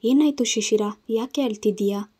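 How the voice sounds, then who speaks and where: A woman voicing an anxious young man who asks urgent questions and then calms a friend. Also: a little high, moderate pace, breathy edge. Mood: alarmed.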